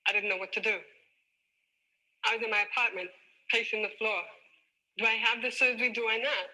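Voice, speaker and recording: A woman's voice: on the high side, steady tone, brisk, sharp tone, poor audio. A woman in her forties gives a motivational talk, telling her life story in an emphatic, dramatic way. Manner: emphatic, dramatic, acts out her own past dialogue. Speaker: motivational speaker.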